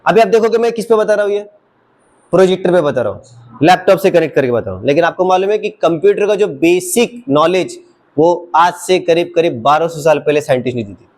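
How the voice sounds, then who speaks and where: A man's voice: on the high side, animated, fairly quick, a little mellow. Man, teacher, classroom lesson for children, coaxing, repeats his questions. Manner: coaxing, asks the class the same question again and again. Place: classroom with a projector.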